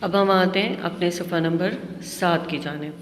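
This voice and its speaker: A woman teacher giving a slow, patient classroom lesson, spelling out words letter by letter. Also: fairly low pitch, fairly even intonation, slight background noise. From Pakistan. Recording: echoey room with long reverb.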